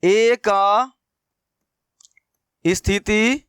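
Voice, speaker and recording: A man's voice: high-pitched, very slow, fairly bright tone, smooth, no echo, studio quality. A man teaching maths in a casual, chatty way, repeating questions to his students and calling them brother. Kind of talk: casual Hindi maths lesson.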